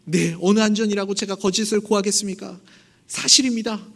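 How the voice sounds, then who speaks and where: A wronged young maidservant from a period drama begs for her life in high, raised tones, as a male preacher puts her on. She speaks in old-fashioned courtly language. The voice stays high and urgent throughout. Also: fairly even intonation, a little fast, creaky, in a large hall. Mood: earnest. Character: wronged pregnant young maidservant, pleading and desperate.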